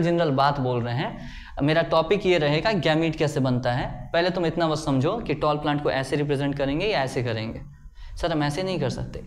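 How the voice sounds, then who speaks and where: A man teaching a biology class in a playful way, often checking whether his students follow and voicing their questions himself before answering them. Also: on the high side. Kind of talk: classroom lecture.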